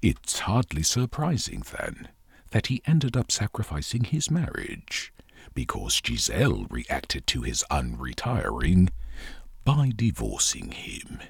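A man's voice: extremely low pitch, wildly swooping pitch, slow pace, gravelly, slightly rough, no room sound. A man hosting a podcast, reading a scripted opinion commentary in wry, wordy, formal language. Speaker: podcast host.

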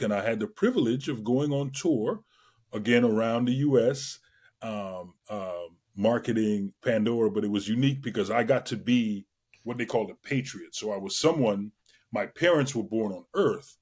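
A middle-aged man from Trinidad and Tobago, a guest entertainer telling his career story in a lively way, with many fillers. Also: lowish voice, normal speed, slightly rough. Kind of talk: casual interview chat.

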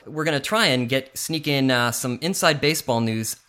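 A man's voice: medium pitch, moderate pace, pushed and bright. A man hosting a casual entertainment-news podcast, running down the week's stories in a breezy way. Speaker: podcast host. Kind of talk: casual chat.

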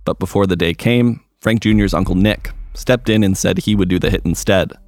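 A male reporter giving scripted narration in a measured, even way. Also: low-pitched, dry recording, clean studio sound.

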